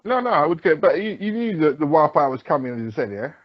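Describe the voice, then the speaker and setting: A man's voice: a little high, big pitch swings, fast talker, dull audio. A man with a South London accent, co-hosting a TV review, talking hesitantly with fillers and repeats. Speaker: TV review co-host. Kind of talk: casual TV recap chat.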